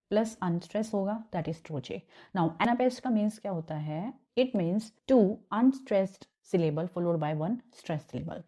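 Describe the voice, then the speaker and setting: A woman's voice: medium pitch, mellow. A woman with an Indian accent teaching an exam revision lesson, switching between Hindi and English and asking her students questions as she explains.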